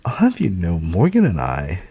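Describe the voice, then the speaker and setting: A man's voice: low-pitched, huge pitch swings, normal speed, dark tone, husky, no room sound, full character voice. A man voicing a snobby, condescending young heiress who talks in a patronizing, clipped way. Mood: snobby, snappish.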